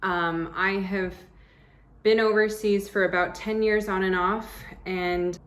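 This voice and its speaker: Seated indoors, an American travel vlogger in her thirties from Arizona chats to the camera, upbeat and prone to rambling restarts. Her medium-pitched voice holds a steady tone, and she takes her time.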